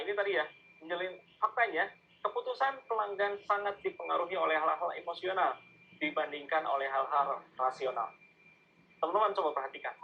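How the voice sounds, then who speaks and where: A man's voice: fairly high pitch, highs cut off, slight background noise. A man with an Indonesian accent giving a casual online marketing lesson, often asking his listeners questions and acting out sales calls. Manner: conversational, asks the audience questions, acts out sales calls. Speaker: digital marketing speaker. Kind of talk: online masterclass lecture.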